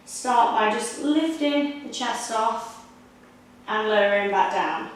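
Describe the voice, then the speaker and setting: A young woman leading a Pilates workout, giving steady, encouraging step-by-step cues. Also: on the high side, slow, recorded from a distance. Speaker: Pilates instructor. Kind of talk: guided exercise instruction. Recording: echoey room, voice picked up from afar.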